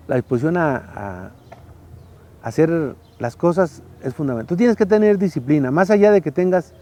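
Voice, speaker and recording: A Mexican man in his sixties, an architect and former faculty director, tells colloquial anecdotes in a casual interview, using frequent tag questions. He has a Mexican accent and a warm voice on the high side.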